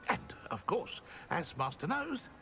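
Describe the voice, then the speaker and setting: A man's voice: on the high side, sing-song, measured pace, gravelly, pushed and bright, soft background music, full character voice. A man playing a timid, servile house-elf in a video game, hesitant and eagerly deferential to a master. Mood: timid correcting. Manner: hesitant, deferential, speaks of self in third person. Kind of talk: theatrical video game creature voice.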